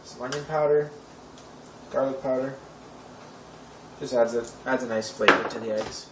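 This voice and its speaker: With fairly even intonation and a mid-range voice at normal speed, a young man hosts a home cooking tutorial, chatty, offhand and full of wry asides. His kitchen sounds echoey and noisy through a distant camera mic, and pots and cutlery clatter throughout.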